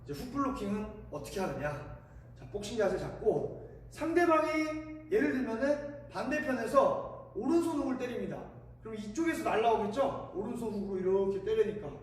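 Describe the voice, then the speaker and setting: A man coaching boxing like a gym coach, calling out counts and commands and explaining technique in an instructional way. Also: sits high. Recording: echoey room, distant mic, faint noise.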